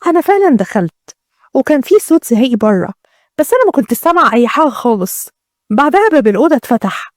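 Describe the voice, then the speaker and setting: A woman's voice: high voice, sing-song, fast talker, no room sound, clean studio sound. A woman with an Egyptian accent narrating a dramatic first-person story. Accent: Egyptian Arabic.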